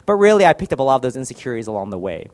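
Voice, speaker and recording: A man's voice: medium pitch, sing-song, rapid-fire, a little mellow. A married man giving a personal faith testimony in a candid, self-deprecating storytelling manner. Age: adult, married.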